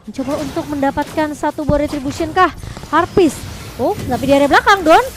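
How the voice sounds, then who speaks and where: A female esports shoutcaster with a very high voice gives live match commentary. There is faint noise behind her. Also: brisk.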